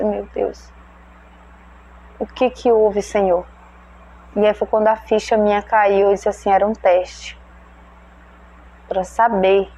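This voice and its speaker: A woman's voice: mid-range voice, darkish tone. Emotional woman telling a faith testimony. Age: adult mother. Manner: emotional, prayerful retelling with quoted prayers. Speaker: testimony speaker. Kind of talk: personal religious testimony.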